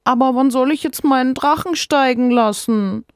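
A woman voicing a little sick girl in a storybook reading, with a high, childlike voice. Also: animated, a little slow, dark tone, no room sound, clean studio sound.

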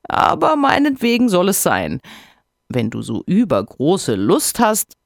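A man voicing a haughty, sneering male hare in a loud, mocking, high-pitched voice. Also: wildly swooping pitch, unhurried, vocal fry, dry recording, clean studio sound, exaggerated voice.

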